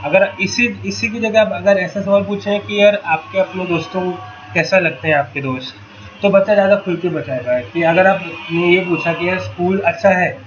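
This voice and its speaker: A man's voice: sits high, normal speed. A man running a parenting workshop, explaining patiently in a casual tone and asking the group rhetorical questions. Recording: dull lo-fi with loud ambient noise.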